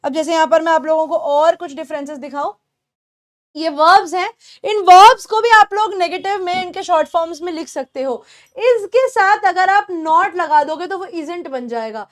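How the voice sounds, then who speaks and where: Very high-voiced Indian woman teaching English. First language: Hindi. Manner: explains in Hindi, repeats English words slowly for pronunciation. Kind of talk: spoken English lesson for beginners.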